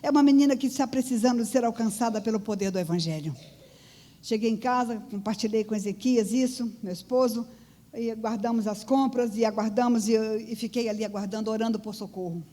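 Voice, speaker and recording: A woman's voice: fairly high pitch, mellow. A woman preaching in church, telling a personal testimony in an earnest storytelling way. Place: church hall. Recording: long church-hall reverb.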